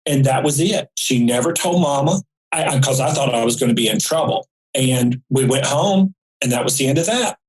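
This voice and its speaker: A man, a guest telling a story in an animated, folksy way. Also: mid-range voice, normal speed, few pauses, poor audio. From rural North Carolina. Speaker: psychic guest. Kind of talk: storytelling interview.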